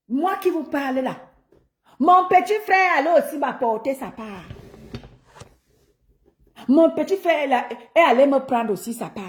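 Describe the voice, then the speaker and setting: Her voice is high, and she speaks with a Cameroonian French accent. Chatting casually on a live stream, she's lively and teasing, laughs a lot, and calls out her viewers by name.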